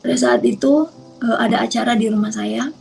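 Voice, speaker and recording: A woman's voice: fairly high pitch, steady tone, brisk, vocal fry, a little mellow, faint music behind, poor audio. A woman telling a personal testimony, earnestly retelling conversations as quoted dialogue. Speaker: testimony speaker.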